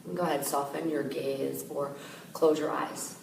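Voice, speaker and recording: A woman meditation teacher calmly guiding a meditation, speaking gently and slowly with soft fillers. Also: low voice, vocal fry. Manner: gentle, slow, soothing guidance with soft fillers. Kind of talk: guided meditation. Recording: echoey room, distant mic, noisy ambience.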